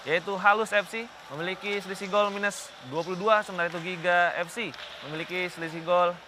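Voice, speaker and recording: Male TV sports commentator, high voice, live match presentation, clear arena noise behind. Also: steady tone, quick pace.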